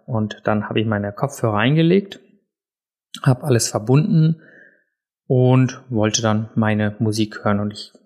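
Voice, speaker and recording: A man's voice: medium pitch, a little mellow. A man talks casually into a desk microphone as the host of his own podcast. He is chatty and pokes fun at himself, with frequent um and uh fillers. He sits indoors in a room set up for recording. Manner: chatty, self-deprecating, many filler sounds. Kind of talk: casual solo podcast chat. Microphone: podcast mic on a desk, also filmed for video.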